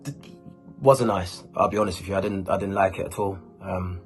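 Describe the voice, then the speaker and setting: Faint music plays behind a man whose voice sits low, his intonation fairly even and his delivery a little fast. A German-born and raised YouTuber and host with Ghanaian roots, he answers questions to camera casually, peppering his speech with urban slang.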